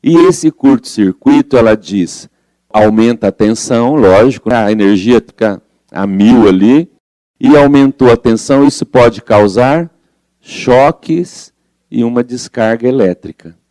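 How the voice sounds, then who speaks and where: A man's voice: mid-range voice, unhurried, mellow, dry recording. A man leading a study group, explaining a spiritual book and reading passages aloud in a conversational way that asks the group questions.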